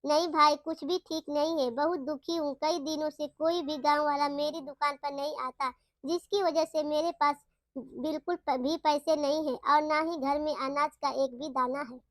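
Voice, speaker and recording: A woman's voice: high-pitched, steady tone, normal speed, no room sound, clean studio sound, natural voice. A woman voicing a poor, downhearted village barber in a storybook tale, pleading and sorrowful. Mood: sad.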